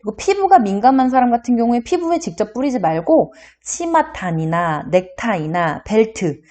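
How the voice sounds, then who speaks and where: Lively-voiced woman lecturing students. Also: fairly high pitch, moderate pace. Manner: chatty, addresses students directly with questions. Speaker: university lecturer. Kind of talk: recorded online lecture.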